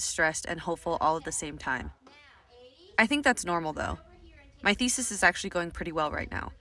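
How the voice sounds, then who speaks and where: A woman with a somewhat low voice reads her diary entries aloud. She sounds candid and plain-spoken, like someone talking frankly to herself. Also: bright, forceful tone. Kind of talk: reading personal journal entries aloud.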